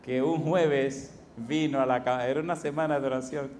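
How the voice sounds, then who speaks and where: A middle-aged man, preaching a sermon as pastor and building to loud rhetorical questions. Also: medium pitch, steady tone, moderate pace, slight background noise. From Dominican Republic.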